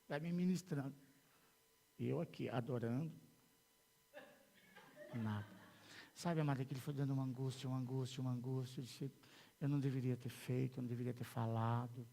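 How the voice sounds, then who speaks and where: A male pastor with a Brazilian accent preaching a sermon in a church, telling a story with many repeated words and swings from hushed to loud. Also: medium pitch, fairly even intonation, moderate pace, vocal fry, long pauses. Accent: Brazilian Portuguese. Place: church sanctuary. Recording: long church hall reverb.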